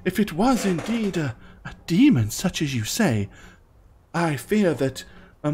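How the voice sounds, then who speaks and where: A game master voicing a timid, courteous nature-worshipping nun who speaks in halting, formal phrases for a tabletop game. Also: mid-range voice. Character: timid, polite, hesitant young nun of nature goddess.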